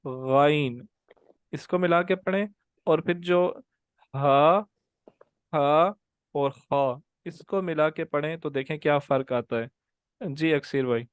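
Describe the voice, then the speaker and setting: Man, tajweed teacher, online class, resonant voice, dry close sound, slightly high. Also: clean tone, dry recording. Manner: patient, drills sounds and calls students by name; drawn-out demonstrated letter sounds. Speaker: Quran recitation teacher. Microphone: video call.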